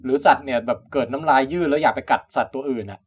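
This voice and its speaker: A man's voice: medium pitch, very fast, breathy edge, lo-fi sound. A man hosting a casual science podcast, explaining at length and laughing often. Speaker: podcast host, biologist.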